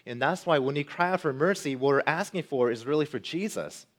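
A man preaching a sermon as pastor, earnest, building to emphatic peaks and then dropping quiet. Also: fairly high pitch, fairly quick.

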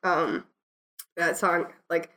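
A young adult woman with a cold, her voice deeper and chesty, chatting casually and informally about music. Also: very slow, bright, forceful tone. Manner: frequent "like", informal. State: has a cold, tickly throat, coughing.

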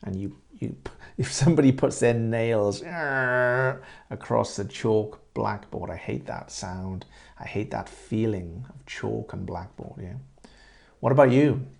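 A middle-aged man from England talks through conversation questions like a patient teacher, repeating phrases so learners catch them. His voice sits low and mellow with a gravelly edge, and he takes his time. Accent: English. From Great Britain. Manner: repeats words and phrases slowly and clearly for learners. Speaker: English teacher. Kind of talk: conversation-practice lesson, asking and answering questions.

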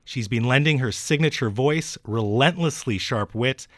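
A man's voice: mid-range voice, normal speed, no echo. Guy in his 30s doing a podcast interview, earnest but playful, dry close audio. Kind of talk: conversational interviewing.

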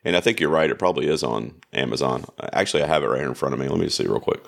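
A man's voice: extremely low pitch, expressive, racing, creaky. A man hosting his own podcast, chatting casually and easily about movies with a co-host. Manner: easygoing, loose, chatty. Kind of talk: casual chat.

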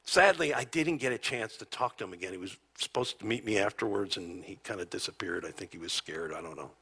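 A man preaching a conversational sermon as a pastor, telling stories and often dropping to a hushed near-whisper. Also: on the low side, quick pace, creaky, slightly rough.

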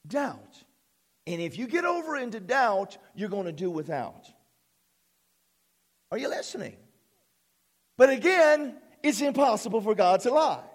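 A male pastor preaching with a high, widely swooping voice that rings with long reverb through a large hall. He calls on the congregation to answer, breaks into hallelujahs and rises to shouts at his peaks. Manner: exclamatory, punctuated with hallelujahs; asks the congregation to respond. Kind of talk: sermon.

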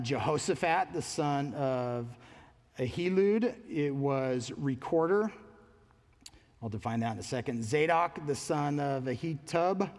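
A man's voice: medium pitch, in a large hall. A man, a pastor, preaching a sermon in an earnest, conversational way, asking his listeners questions.

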